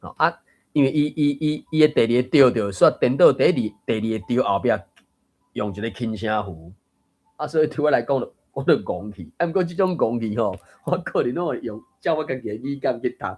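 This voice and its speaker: A man with a husky, slightly breathy voice leads a casual reading-group chat. He explains points patiently and thinks aloud, now and then chuckling. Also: medium pitch, animated, brisk, a little mellow. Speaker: host of a Taiwanese reading group. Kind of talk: casual discussion of a book reading.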